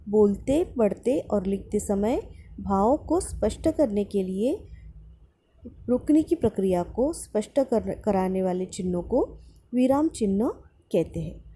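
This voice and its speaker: A woman teacher giving a grammar lesson to students, explaining patiently and slowly repeating example sentences. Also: medium pitch, dark tone, slight background noise.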